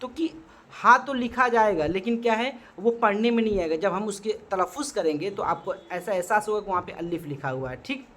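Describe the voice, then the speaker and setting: A man's voice: high voice, expressive, moderate pace, fairly bright tone. A male teacher going through exam multiple-choice grammar questions, asking questions and answering them himself, checking in with the class often. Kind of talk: exam prep grammar lesson.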